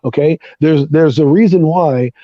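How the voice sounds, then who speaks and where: A man's voice: a little high, measured pace, mellow, dry recording, muffled recording. A man hosting a sports talk show, arguing his point emphatically in a heated debate and swearing now and then. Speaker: podcast host.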